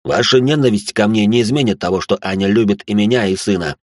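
A defiant, hot-tempered father, played by a man in an audiobook. He argues back indignantly in a low, husky voice. The sound is close and dry. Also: fast, no echo, natural voice. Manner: tense, indignant, shouting back.

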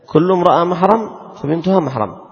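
Gravelly man teaching in a hall. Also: sits high, animated. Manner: quizzes students, repeats rules slowly. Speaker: Islamic law teacher. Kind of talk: classroom lesson with questions to students. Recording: dull lo-fi recording, long reverb.

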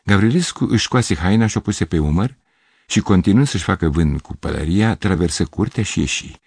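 A man reading a literary story aloud in a measured, steady narration. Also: sits low, gravelly, slightly rough, dry recording.

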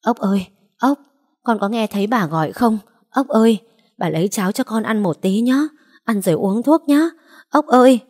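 A woman's voice: medium pitch, animated, normal speed, darkish tone, lightly acted. A woman voicing a frantic, tearful old grandmother who pleads and coaxes. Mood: coaxing.

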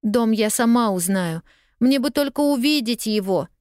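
Woman doing a high, tearful lost little girl. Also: a little slow, a little mellow, smooth, no echo, studio quality, close to an everyday voice. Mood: tearful pleading. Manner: pleading, breathless, eager. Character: lost young girl, tearful yet stubbornly cheerful.

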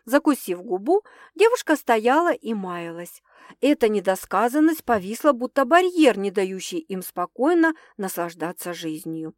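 A woman's voice: medium pitch, big pitch swings, normal speed, no room sound. Woman narrating an audiobook, dry and close. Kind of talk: scripted narration of a romance novel.

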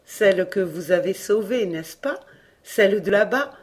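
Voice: medium pitch, animated, a little slow, close to an everyday voice. A reader voicing a shy, flustered young woman in an audiobook, raising the voice for her. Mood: teasing. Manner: teasing, then flustered. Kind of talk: audiobook reading.

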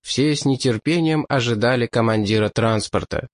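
A man narrating an audiobook in a steady, measured reading voice. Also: mid-range voice, no room sound, studio quality.

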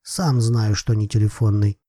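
A proud, hot-tempered old father, pleading in heavy, slow, emphatic phrases, as a male narrator acts him out. His voice is warm and husky, recorded dry and close for an audiobook. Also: on the low side, fairly even intonation, dry recording. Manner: emphatic, pleading, broken grammar.

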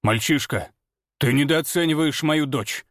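A man voicing a gruff werewolf father from a storybook reading, growling out his protective rebukes. His voice sits a touch high and dry. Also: a little slow, a bit bright, no echo.

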